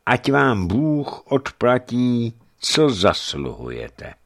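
A man's voice: medium pitch, huge pitch swings, voice pushed up. A man reading an audiobook, voicing a cornered, proud Venetian who speaks with scorn. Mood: scornful. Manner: scornful and bitter. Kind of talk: audiobook character voice.

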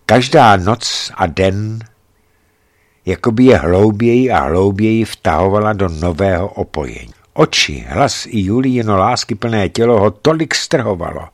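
A man narrating a novel aloud in a measured literary reading. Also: on the low side, expressive, no room sound, studio quality. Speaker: audiobook narrator.

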